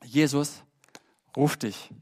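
A man preaching a sermon in a church service, swinging between loud emphasis and soft, quiet appeals. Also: medium pitch, slow.

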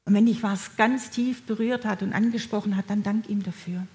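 Middle-aged woman giving a sermon, warm-hearted direct address, average pitch. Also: fairly even intonation, moderate pace. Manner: gentle, encouraging, speaks directly to listeners. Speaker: preacher.

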